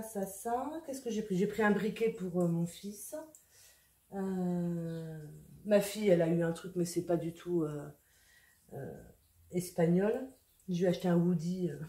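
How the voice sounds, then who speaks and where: A woman's voice: mid-range voice, warm tone. A middle-aged woman chatting casually on her vlog, rambling and full of fillers. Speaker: vlogger. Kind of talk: casual chat.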